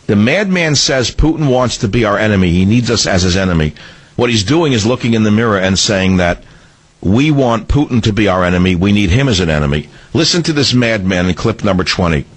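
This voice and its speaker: Combative husky talk-radio host man. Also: fairly low pitch, expressive, brisk. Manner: combative, sneering, rants in bursts. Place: radio studio.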